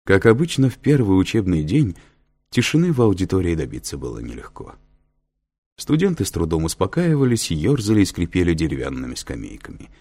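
A man narrating an audiobook in an expressive storytelling manner. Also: deep voice, fairly quick.

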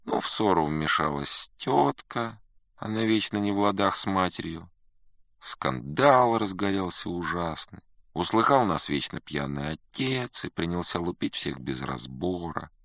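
A man's voice: sits low, expressive, a little slow, gravelly, no room sound, clean studio sound, voice pushed up, exaggerated voice. A man doing a nasal, gloomy kappa student. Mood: glum. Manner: quiet, complaining. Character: glum young male kappa student.

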